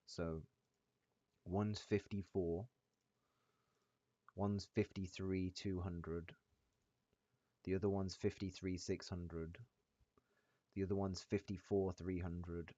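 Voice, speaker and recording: Deep-voiced frat-bro guy in echoey audio. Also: flat delivery, takes it slowly, long pauses, warm tone. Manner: frat-bro slangy hype talk, peppered with bro and boys. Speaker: day trader sharing screen with a group. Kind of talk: casual chat among trading friends. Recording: dull, roomy echoey voice-chat audio.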